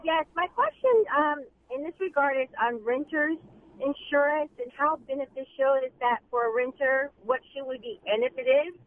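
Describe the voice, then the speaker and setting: A woman calling in to a radio talk show over the phone, asking halting, hesitant questions. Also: sits high. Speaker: caller. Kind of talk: call-in radio chat. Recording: tinny phone line.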